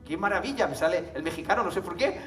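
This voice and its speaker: Speaking fast and expressively, this conference presenter has a high, slightly bright voice. He keeps things chatty with frequent tag questions and laughter. Recorded from a distance in an echoing hall, the audio carries some hiss or hum.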